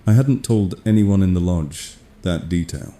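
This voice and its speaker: A man telling a first-person horror story in a steady, grim, measured way. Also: sits low. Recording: echoey room.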